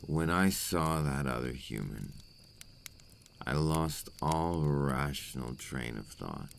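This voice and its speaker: In this intimate ASMR roleplay monologue, the man voices a brooding vampire tormented by his curse, sounding somber and regretful. His delivery is expressive and exaggerated, with an extremely low, very deep, gravelly voice and a heavy creak. Faint noise sits behind his slow, deliberate, formal speech, like a cursed creature full of remorse.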